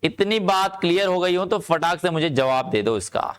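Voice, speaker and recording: A male chemistry teacher speaking, giving a live online class, often repeating himself to urge students to answer quickly and calling them "kids". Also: high-pitched, lively intonation, smooth. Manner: calls students "bachcha" and "bhai".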